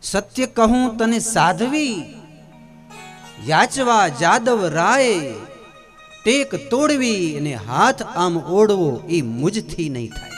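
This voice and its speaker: A man voicing a proud, poor Brahmin husband, singing verse couplets slowly and loudly. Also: medium pitch, big pitch swings, soft background music, pitched below the performer's own voice, natural voice. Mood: stubborn.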